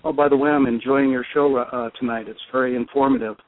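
A middle-aged man from Southern California calls in to a radio show over the phone. His medium-pitched voice comes through thin and tinny, like a phone line. He talks politely and a little haltingly, with fillers. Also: fairly even intonation. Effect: radio call-in caller heard over a phone line. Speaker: caller. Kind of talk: casual call-in question.

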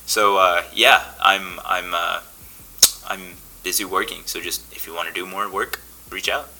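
A young man chats casually on a podcast, loose and full of fillers and restarts. His voice sits a little low but sounds bright and forward. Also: measured pace, a little hiss or hum, poor audio. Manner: relaxed, chatty, many fillers and restarts. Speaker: podcast guest, actor.

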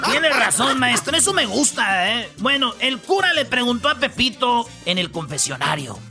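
A man with a Mexican accent hosting a radio comedy show, telling jokes in a loud, playful way. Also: very high voice, sing-song, normal speed, gravelly, loud music behind the voice. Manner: loud, playful, laughing storyteller.

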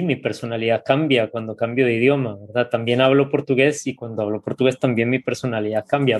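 Reflective male host. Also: mid-range voice. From Costa Rica. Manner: reflective, often tags with ¿verdad?. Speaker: podcast host. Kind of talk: casual interview.

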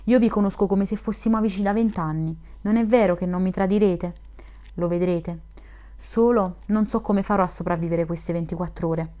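A woman reading the part of a mysterious young woman in a classic novel, in a frank, gently teasing manner. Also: on the low side, close to an everyday voice.

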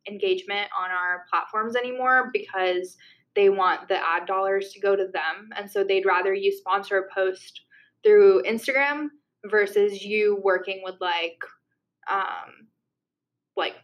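A woman's voice: mid-range voice, steady tone, fairly bright tone. Young woman podcast cohost, kinda nasal, chatty, says yeah a lot. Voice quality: nasal, fond of saying yeah. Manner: chatty, quick to laugh at herself. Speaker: podcast co-host. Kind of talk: casual podcast chat.

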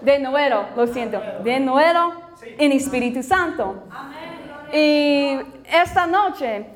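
A woman's voice: high voice, expressive, takes it slowly. A woman preaches in imperfect, as a visiting missionary, hesitating and repeating phrases as she searches for words. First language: English. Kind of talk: halting church sermon in imperfect Spanish. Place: village church before a congregation. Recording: live church crowd, background noise.

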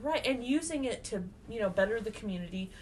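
A woman in her twenties co-hosting a podcast, talking in an indignant, animated way. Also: on the high side, quick pace. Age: 20s. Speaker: podcast co-host. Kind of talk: casual chat. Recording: faint background noise.

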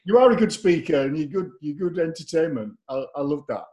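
A man's voice: on the high side, animated, fairly quick, warm tone. A man hosting a casual interview, talking informally and somewhat hesitantly. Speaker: interviewer, host.

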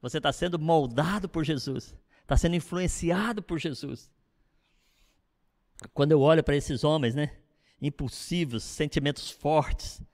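A middle-aged man, a pastor, preaching a sermon in an animated, conversational way with frequent asides to the congregation. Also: a little high, long reverb tail.

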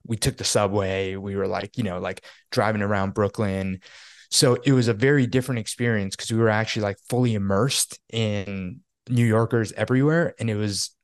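A man's voice: fairly low pitch, normal speed, dry recording, clean studio sound. A young man from New York, casually telling a story on a podcast with lots of fillers. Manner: animated storytelling, many fillers. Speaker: podcast co-host. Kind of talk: casual chat.

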